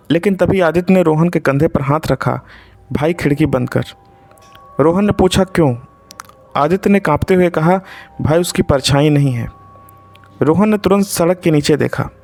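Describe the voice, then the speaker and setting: A man telling a scripted horror story in a suspenseful, measured way. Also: on the high side, vocal fry, darkish tone.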